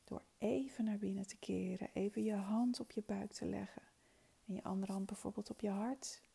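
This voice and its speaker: A woman leading a guided meditation in a soft, soothing, spa-like whisper, gentle and breathy. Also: mid-range voice, fairly even intonation, normal speed.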